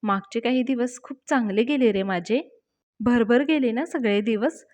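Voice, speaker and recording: A cheerful young woman, teasing and affectionate, dropping English words into her talk, as a woman narrator speaks her lines. The tone is bright and fairly high. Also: moderate pace, natural voice.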